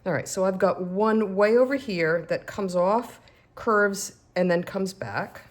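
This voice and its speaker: A woman's voice: medium pitch, a little slow. A woman demonstrating stamping techniques in a casual craft tutorial, chatting and joking about herself as she works. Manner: chatty, self-deprecating, talks while working.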